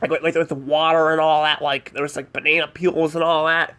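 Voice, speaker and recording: A man's voice: fairly high pitch, little pitch movement, fairly quick, fairly bright tone. A man giving a casual spoken review of a cartoon episode, rambling and hesitant, filling gaps with "like" and "I don't know".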